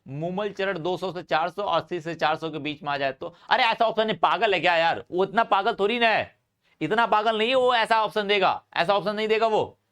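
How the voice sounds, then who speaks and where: A man with a Hindi accent teaching a live online chemistry class, talking fast, repeating each point and calling students brother. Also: high-pitched, fairly bright tone, clean tone.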